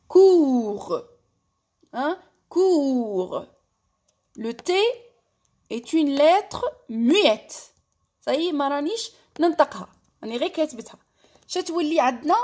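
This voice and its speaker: A high-pitched woman with an Algerian accent leads a classroom-style grammar lesson. Her voice rises and falls in lively swings as she teaches, and she dictates example words slowly, saying each one more than once. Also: gravelly. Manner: slow, deliberate dictation of example words, repeating them. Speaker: French teacher.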